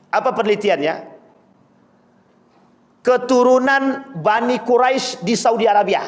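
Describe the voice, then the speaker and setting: High-pitched preacher, animated. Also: male voice. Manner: lively storytelling, acting out quoted voices; addresses listeners directly, rhetorical questions. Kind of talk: religious lecture to a congregation.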